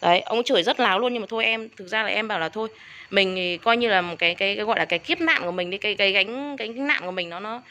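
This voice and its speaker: A woman rattles along at a quick clip, talking straight to her viewers as she shows her orchids. She sounds indignant and keeps circling back over the same points, her voice sitting at an ordinary middle pitch. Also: sharp tone. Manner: indignant, repeats herself, addresses viewers as elders. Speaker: orchid seller. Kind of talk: casual sales video talk to viewers.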